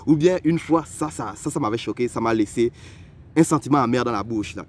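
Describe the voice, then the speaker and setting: A young man from Africa telling personal stories to the listener in a lively, conversational way. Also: mid-range voice, a little fast, slight background noise. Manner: animated, conversational, addresses the listener directly. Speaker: vlogger. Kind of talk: personal storytelling.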